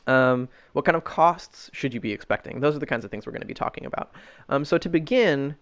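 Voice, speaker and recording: A man hosting a casual podcast, easygoing and measured, with frequent ums. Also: mid-range voice, lively intonation, a bit bright, muffled recording. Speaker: podcast host.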